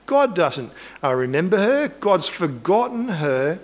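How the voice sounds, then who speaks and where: A man's voice: high voice, sing-song, measured pace. A man preaching a conversational sermon, earnest, acting out quotes and imagined lines. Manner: earnest, acts out biblical quotes and imagined dialogue.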